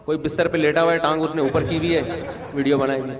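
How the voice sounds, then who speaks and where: A man's voice: on the high side, flat delivery. A man, a mufti answering questions in a conversational religious talk, mixing rulings with humorous anecdotes and checking that listeners follow. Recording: long hall reverb.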